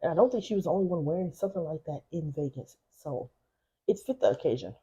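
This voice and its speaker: Husky, dark-voiced woman chatting quietly. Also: low-pitched, expressive, fast, muffled recording. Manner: talking quietly late at night. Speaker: podcast co-host. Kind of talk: casual chat. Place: home, at night. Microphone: podcast mics.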